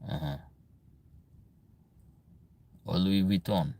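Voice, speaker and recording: A man with an Albanian accent and a very low, deep voice hosts a casual livestream. He reads his viewers' comments aloud and answers each one in turn in an easy, conversational way. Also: extremely slow, warm tone. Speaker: livestream host, veterinarian.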